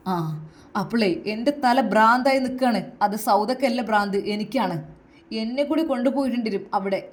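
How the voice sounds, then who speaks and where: A woman with a Malabar Malayalam accent voicing an angry, hurt young husband who scolds his wife with rapid, harsh questions. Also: a little high, natural voice.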